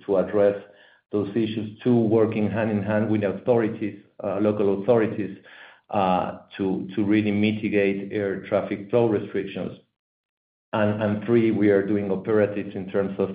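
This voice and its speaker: A man with a voice on the low side presents company results over a conference call line that keeps cutting out. His delivery halts and stumbles, with many repeated words, and the echoey line sounds tinny and phone-like.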